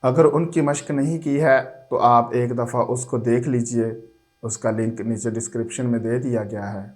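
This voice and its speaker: A man teaching a recorded lesson on reading letters, spelling out each syllable slowly and drawing it out. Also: medium pitch, fairly even intonation.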